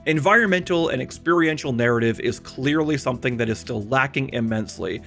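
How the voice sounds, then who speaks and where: Over background music, a male host narrates his scripted video essay with dramatic emphasis and chatty asides. His voice is mid-range and fairly bright.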